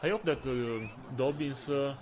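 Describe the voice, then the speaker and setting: With a mid-range voice and background noise behind him, a man from Italy talks through his own football video game stream in English. It's his second language, so his Italian accent shows and he pauses often, filling gaps while searching for words.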